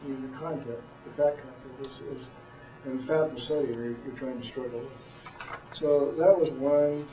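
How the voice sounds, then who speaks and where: A middle-aged man giving blunt, plain-spoken, halting feedback as a judge of a student presentation. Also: medium pitch, steady tone, warm tone. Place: room, far from the microphone. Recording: roomy, dull, distant microphone.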